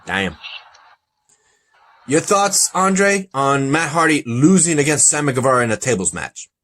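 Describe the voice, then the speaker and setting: A male podcast host chats casually, his voice swinging up and down with lively energy. He sits a bit higher than most men in pitch and keeps things playful, often breaking into laughter as he reads results aloud. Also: a little slow. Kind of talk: casual review chat.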